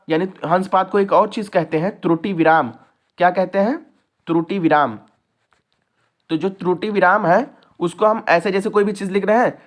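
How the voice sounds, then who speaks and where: Brief: young male teacher, high voice, patient step-by-step explainer, exam-prep class. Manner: explains step by step, checking in with "ठीक है".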